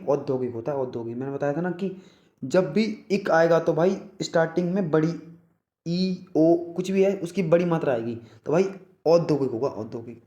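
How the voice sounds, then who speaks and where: A man's voice: on the high side, warm tone, roomy sound, highs cut off. A man teaching a spelling lesson for exam prep, repeating words and checking in again and again. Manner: repeats words, keeps asking "okay brother?".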